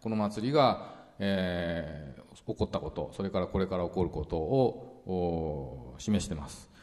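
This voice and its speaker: Deep-voiced man preaching in a reverberant hall. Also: unhurried. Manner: relaxed, chatty, many fillers and asides. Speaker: pastor. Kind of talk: conversational Bible teaching sermon. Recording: long reverberant hall sound.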